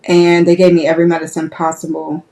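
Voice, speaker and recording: A woman's voice: fairly low pitch, monotone, fast, mellow, far from the mic. A woman, a nurse guest on a podcast, telling a personal story candidly and acting out past conversations. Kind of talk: personal story told in an interview.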